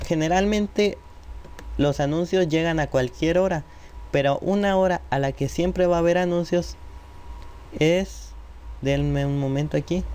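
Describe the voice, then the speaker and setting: In this casual screen-capture tutorial, the presenter addresses viewers directly as he explains each step. He has a fairly high, slightly mellow voice with a clear, resonant tone, and the home computer mic picks up noise.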